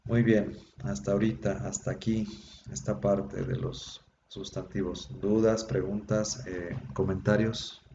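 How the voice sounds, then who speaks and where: A man teaches a Hebrew class over a video call. He explains patiently and fills pauses with little sounds, his low, dark voice carried in an echoey room. The audio is dull and has a faint hum under it. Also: little pitch movement, creaky. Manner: patient explaining, many fillers. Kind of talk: online class lecture.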